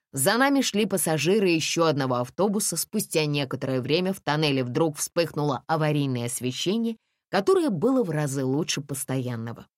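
Lively woman reading an audiobook. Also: deep voice, no room sound, studio quality. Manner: brisk, first-person storytelling. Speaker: narrator. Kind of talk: audiobook narration.

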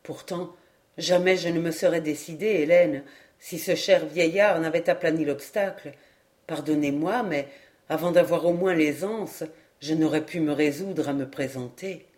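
A woman reading an audiobook, voicing an earnest, deeply moved young doctor in a lowered, soft-spoken voice. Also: normal speed, natural voice.

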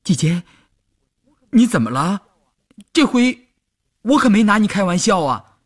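Storybook voice: man doing a teasing, good-natured teen boy soldier, lively and boyish. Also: sits high, measured pace, pitched above the performer's own voice, heavily acted. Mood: worried.

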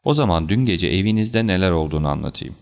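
A man plays a calm, self-assured detective in a storybook reading, laying things out in a measured, slightly stern manner. His voice is deep with a gravelly edge. The recording sounds a bit dull and lo-fi. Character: calm, assured male detective, cool and deliberate.

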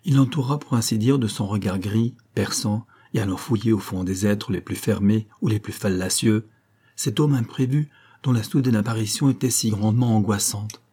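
A man reading a detective novel aloud as narrator, with steady, measured phrasing. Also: lowish voice, slightly rough.

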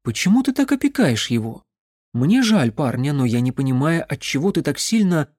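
A man's voice: a little high, big pitch swings, moderate pace, darkish tone, dry recording, clean studio sound. A man voicing an earnest, curious young woman. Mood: probing. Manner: questioning, earnest.

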